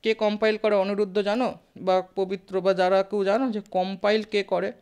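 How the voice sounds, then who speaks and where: A teacher lectures a live class quickly in a clean, slightly mellow mid-range voice with a level tone. Talking conversationally, they often check in with listeners, ask the class questions and mix English terms into their speech.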